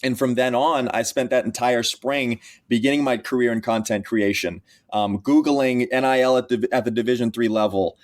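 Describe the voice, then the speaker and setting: A man's voice: medium pitch, steady tone, normal speed, few pauses. A young man in his twenties from Texas, a college athlete who is the guest on a podcast interview and tells his story earnestly, with frequent restarts. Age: 20s.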